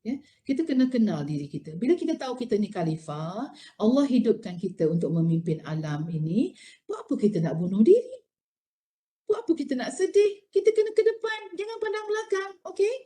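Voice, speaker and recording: A middle-aged Malaysian woman giving an expressive motivational university lecture, mixing Malay and English with many rhetorical questions. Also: on the high side, a little fast.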